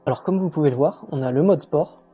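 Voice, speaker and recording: Mellow-voiced man chatting casually. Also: on the high side, brisk, slightly rough, faint music behind. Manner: relaxed, chatty, many fillers and self-mocking jokes. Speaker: motorcycle reviewer. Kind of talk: casual product walkthrough.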